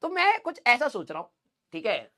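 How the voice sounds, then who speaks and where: A man's voice: extremely high pitch, wildly swooping pitch, moderate pace, bright, forceful tone. Casting: a man as a playful, joking physics teacher who teases his online students, laughs a lot and tosses in English physics terms. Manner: teasing, playful, laughs often; mixes English physics terms into casual speech. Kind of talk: joking banter in a live online class.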